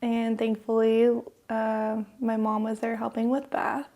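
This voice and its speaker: A young woman co-hosting a podcast, telling a personal story haltingly with many fillers, sometimes dropping to a whisper. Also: on the high side, monotone, dark tone. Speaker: podcast co-host.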